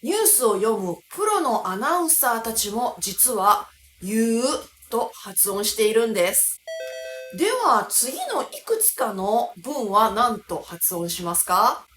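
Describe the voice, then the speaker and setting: A Japanese woman teaching pronunciation in a clear, deliberate lesson style. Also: fairly high pitch, very animated, a bit bright, reverberant, soft background music. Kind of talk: scripted language lesson.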